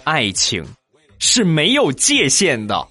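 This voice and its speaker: A man's voice: a little high, huge pitch swings, slow pace, over loud music. A man hosting a comedy show, telling funny anecdotes in a chatty style and laughing at his own jokes. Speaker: comic storyteller host. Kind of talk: comic anecdote storytelling.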